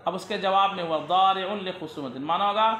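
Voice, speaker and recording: Bright, high-voiced male grammar teacher. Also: a little fast, echoey room, lo-fi sound. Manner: asks students questions and answers them himself. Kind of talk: classroom lesson explaining a text.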